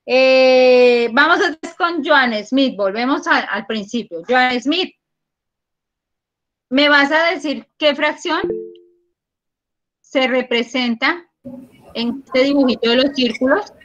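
A woman teaching a primary school math class over a video call, patient and encouraging, counting aloud slowly. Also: sits high, a bit bright, lo-fi sound. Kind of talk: online class. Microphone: computer mic on a video call.

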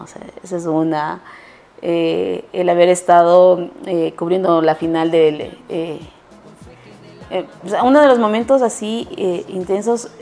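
A woman's voice: on the low side, warm tone. A woman sports journalist with an Ecuadorian accent, chatting in an interview and telling stories, with many restarts and self-corrections. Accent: Ecuadorian Spanish. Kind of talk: casual interview answers and storytelling.

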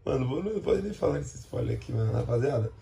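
A man's voice: mid-range voice, animated, fast talker, creaky, a crowd in the background. A man from Brazil hosting a casual vlog chat, slangy and plugging a sponsor link, tagging lines with "certo, rapaziada?". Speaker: host.

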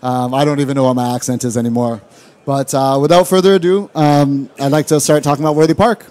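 A man's voice: medium pitch, fairly even intonation, quick pace, darkish tone. Chatty man with a mixed Jamaican-Canadian accent. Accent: mixed Jamaican and Canadian English. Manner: casual, joking, many fillers. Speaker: rum brand ambassador giving a presentation. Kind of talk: live presentation to an audience. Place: event hall.

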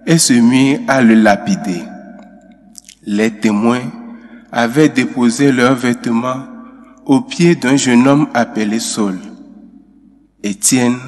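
A man reading scripture and psalm verses as lector at a mass, slow and measured. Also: mid-range voice. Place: church. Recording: long church reverb.

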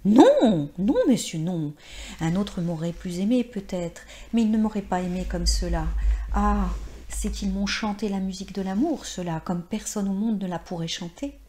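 A woman's voice: mid-range voice, steady tone, normal speed, dark tone, natural voice. A woman voicing a dreamy, passionate former actress of sixty-nine in a read-aloud short story. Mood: wistful.

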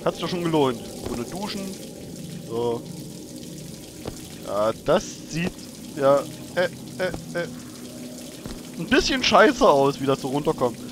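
A man's voice: on the high side, expressive, takes it slowly, long pauses, noisy background. A man hosting a let's play, giving casual gaming commentary in a chatty way and talking both to himself and to the game character.

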